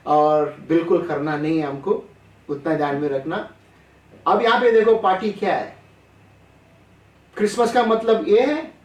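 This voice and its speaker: High-voiced man preaching, distant and echoey. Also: a little mellow. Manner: conversational, asks the audience questions. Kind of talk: sermon over online call.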